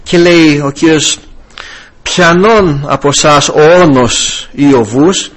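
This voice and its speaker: A man's voice: fairly high pitch, a bit bright. A man preaching a sermon, telling a personal healing testimony and calling his listeners brothers, with emphatic rising passages.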